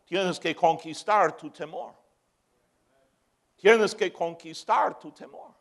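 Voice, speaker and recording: A man preaching a sermon as pastor, moving from shouted peaks to joking asides. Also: high-pitched, slow.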